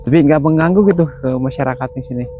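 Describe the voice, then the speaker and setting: A man's voice: mid-range voice, fast talker, warm tone, soft background music. A man hosting a ghost-hunting video, asking short curious questions outdoors. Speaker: host. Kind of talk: interviewing on a ghost-hunting walk. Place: outdoors in a garden.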